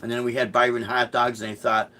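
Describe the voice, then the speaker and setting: Fast and flat, with a sharp tone and medium pitch, a middle-aged man from Chicago, USA chats on his live stream as its musician host. He answers viewer comments in a rambling, hesitant way, often starting over, with a faint hiss or hum in the recording.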